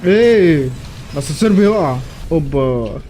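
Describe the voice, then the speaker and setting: A man's voice: a little high, lively intonation, moderate pace, dark tone, soft background music. A young man with an Egyptian Arabic accent, commenting on his game playthrough in a jokey way and talking back to the characters. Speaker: gamer. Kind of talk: let's play commentary.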